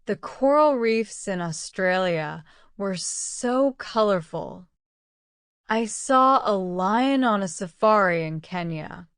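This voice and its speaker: A woman reading scripted English-learning example sentences very slowly and deliberately, in a clear, smooth voice. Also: medium pitch, expressive, dry recording, studio quality. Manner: very slow, deliberate talking. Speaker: English lesson narrator.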